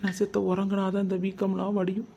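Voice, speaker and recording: A man's voice: sits high, monotone, quick pace, mellow, slight background noise. A man voicing a manipulative young wife in a cartoon, sulking, fake-crying and snapping back. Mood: whiny. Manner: whiny, sulky, pointed retorts. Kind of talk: cartoon comedy voice acting.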